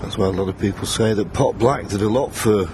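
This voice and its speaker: A man giving understated snooker commentary in a measured, explanatory way. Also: on the low side. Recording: noisy arena with clear crowd sound.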